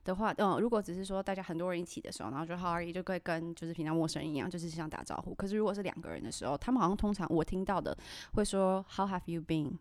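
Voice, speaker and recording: A woman's voice: lowish voice, rapid-fire, hardly any pauses, darkish tone, no echo. A woman hosting a podcast in casual chat, laughing often and acting out the reactions she quotes. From Taiwan. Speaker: podcast host.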